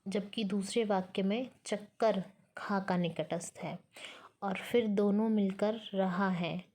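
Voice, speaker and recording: Slow, careful woman teaching Hindi grammar. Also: medium pitch, fairly even intonation, a little mellow. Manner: slow, careful dictation of each sentence, mixing in English words. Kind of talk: reading out and explaining a grammar lesson.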